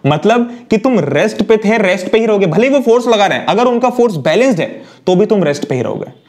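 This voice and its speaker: A young male teacher with a slightly high voice delivers an energetic one-shot lecture. He talks fast and chats with his students, firing questions at them. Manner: lively, chatty, asks students questions.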